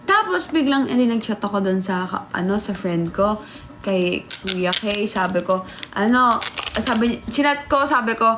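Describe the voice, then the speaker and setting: A young woman vlogger telling a story in casual chat, animated and laughing, acting out what people said. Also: medium pitch, moderate pace, background noise. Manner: animated, laughing, acts out quotes.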